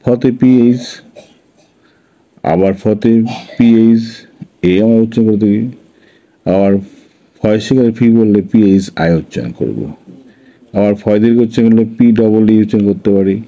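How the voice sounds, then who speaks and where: A man teaching an English phonics lesson, spelling out letters one by one and then sounding each syllable slowly. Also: fairly low pitch, warm tone, rough recording.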